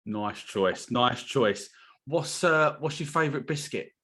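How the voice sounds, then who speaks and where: A man runs a casual podcast chat at an ordinary pitch. He jokes with his guests and laughs a lot, filling pauses with relaxed ums as he moves between questions. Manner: laughs often, friendly banter with fillers. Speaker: podcast host.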